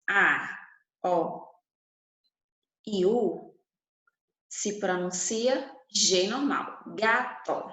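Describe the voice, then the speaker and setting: A woman's voice: mid-range voice, fairly bright tone, echoey room, poor audio. A woman teaching Spanish to Portuguese speakers, explaining step by step and asking the class questions. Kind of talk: online class lesson.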